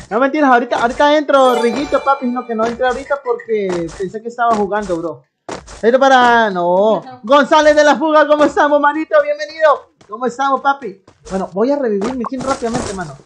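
A young Colombian woman live-streams a game, hyping her chat with slangy banter as she commentates. Her voice is on the high side and brisk, with a little background noise in the clip.

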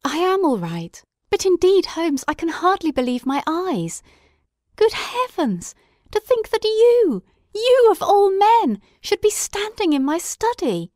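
A woman playing an excitable, devoted gentleman storyteller in a dramatic audiobook, with an expressive, earnest and formal delivery. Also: very high-pitched, measured pace, no echo, clean studio sound, heavily acted. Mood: astonished, overjoyed.

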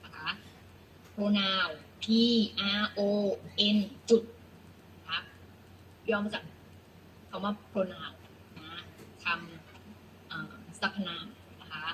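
Woman teacher, unhurried lesson delivery, patient and repetitive, mid-pitched. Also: steady tone, fairly bright tone, slight background noise, low-quality recording. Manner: patient, repeats "นะคะ" often, spells out letters. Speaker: English teacher. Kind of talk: classroom lesson explanation.

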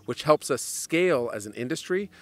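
A man, a trade association president giving measured interview answers outdoors into a handheld mic, with frequent fillers. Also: on the high side, animated, a bit bright. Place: outdoors on a lawn. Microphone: handheld mic held by interviewer.

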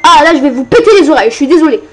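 A woman giving casual gameplay commentary, excitable and often yelling and cursing at enemies, with faint game music behind. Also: sits high, very fast. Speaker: let's play gamer.

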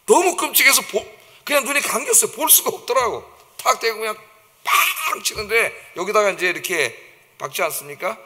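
A man's voice: high-pitched, very animated, moderate pace, sharp tone, a little hiss or hum. A man preaching a dawn-service sermon as a pastor, emphatic and vivid, acting out the taunts of mockers. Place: church sanctuary. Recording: long church reverb.

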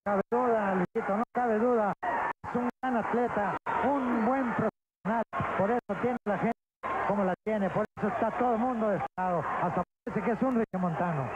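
A man's voice: sits high, normal speed. A Mexican man giving colour commentary on lucha libre as a wrestling commentator, with admiring exclamations and repeated phrases. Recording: muffled old TV audio, loud arena noise.

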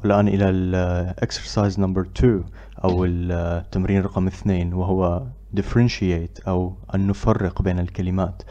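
A man teaching English pronunciation, who repeats drill words loudly and pauses with filler sounds between phrases. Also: low-pitched, little pitch movement, dull audio. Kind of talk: pronunciation lesson.

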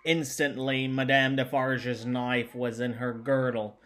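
A man reading a classic novel aloud, halting often and restarting words. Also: mid-range voice, flat delivery, fairly bright tone. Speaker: audiobook reader.

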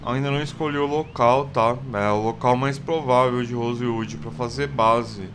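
In a mid-range, slightly bright voice, a Brazilian Portuguese-accented man keeps a steady tone at normal speed while commenting on his survival game. His let's play chatter is rambling and full of fillers, with slight background noise.

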